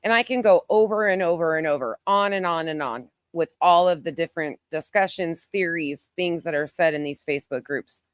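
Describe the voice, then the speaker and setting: A YouTube creator talks at normal speed with hardly any pauses, describing her own browsing in a casual live online commentary. Her lowish voice comes through studio-quality audio with no echo. She is emphatic and tends to repeat herself.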